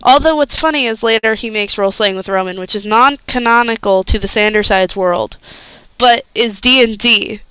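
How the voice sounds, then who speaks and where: A young woman streamer rambles in a loose, chatty way, thinking aloud between fillers. Her voice is smooth and clear, recorded close and dry with no room sound. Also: fairly high pitch, normal speed, bright, forceful tone, dry recording, poor audio. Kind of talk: casual chat, reacting to a video.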